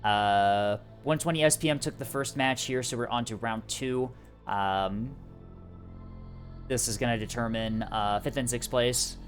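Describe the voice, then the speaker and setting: A man's voice: medium pitch, measured pace, faint music behind. A man giving live esports commentary on a strategy game tournament, chatty and full of fillers. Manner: chatty, filler-heavy play-by-play with frequent "uh" and "um". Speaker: tournament caster.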